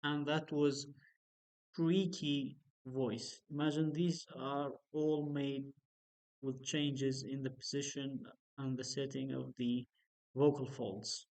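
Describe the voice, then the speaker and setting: Slow-speaking male phonetics lecturer. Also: mid-range voice, flat delivery, darkish tone, poor audio. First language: Kurdish. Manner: slow, explanatory, with frequent fillers. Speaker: university lecturer.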